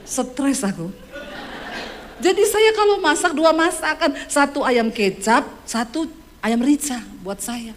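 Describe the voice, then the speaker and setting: Lively high-voiced Sulawesi woman preacher. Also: takes it slowly, slight background noise. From Sulawesi, Indonesia. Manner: lively, emphatic, comic preaching. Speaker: pastor. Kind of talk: sermon with humorous storytelling.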